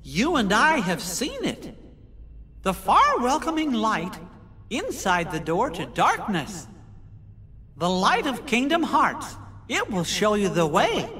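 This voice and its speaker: Squeaky kind cartoon mouse king, unhurried game hero talk, long hall reverb. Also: wildly swooping pitch, pushed and bright, exaggerated voice. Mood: hopeful, gentle. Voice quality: squeaky falsetto. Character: small kindly cartoon mouse king, earnest and encouraging. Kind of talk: video game cutscene acting.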